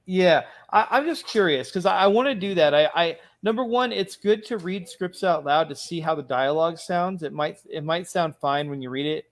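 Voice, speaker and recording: A man with a somewhat high voice co-hosts a relaxed livestream chat. He rambles, restarts his sentences, and laughs along with his friends. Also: normal speed, hardly any pauses. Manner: rambling, self-correcting, laughs often. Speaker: podcast co-host.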